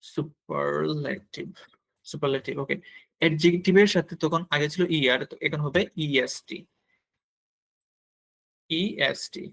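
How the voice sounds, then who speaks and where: A man with a Bangladeshi Bengali accent teaching an online grammar lesson, explaining step by step, asking questions and answering them himself, pausing as he writes. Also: fairly high pitch. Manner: writes on a board while talking, with pauses and restarts.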